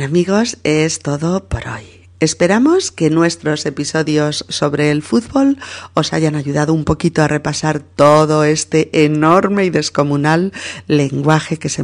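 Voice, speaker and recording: A language lesson host giving scripted narration in a lively, expressive way. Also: mid-range voice.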